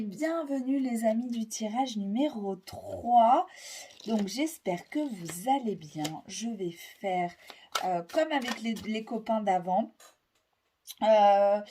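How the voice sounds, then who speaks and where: A woman's voice: fairly high pitch, a little mellow. A French-accented woman giving a casual weekly tarot reading, rambling and hesitant with many fillers. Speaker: tarot reader.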